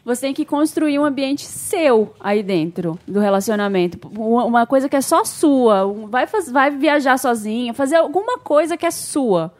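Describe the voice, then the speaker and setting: A woman's voice: high voice, expressive, normal speed, few pauses, a little mellow. A woman co-hosting a podcast, giving frank advice in casual chat. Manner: frank, advising.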